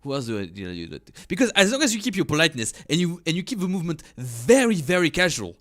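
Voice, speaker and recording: A man's voice: on the high side, huge pitch swings, fast, fairly bright tone. A male streamer giving casual, jokey gameplay commentary, rambling and stammering as he talks.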